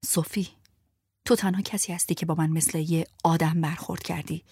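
A woman's voice: sits low, fairly even intonation, slightly rough, no room sound, clean studio sound. A woman voicing a bruised, fierce young woman urging escape, in a whispered role-play. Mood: urgent. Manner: urgent hushed pleading.

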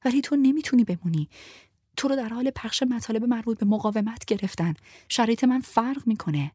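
A woman's voice: fairly high pitch, animated, breathy edge, no room sound, clean studio sound, voice pushed up. A woman voicing a frail, feverish young woman who is frightened but stubborn, in a whispered role-play. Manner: frightened hushed refusal.

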